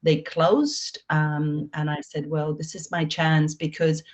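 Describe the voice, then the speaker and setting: Speaking slowly in a low voice with a steady tone, this middle-aged real estate agent from Argentina has an Argentine Spanish accent. In her conversational interview she's chatty and upbeat, with many fillers and restarts.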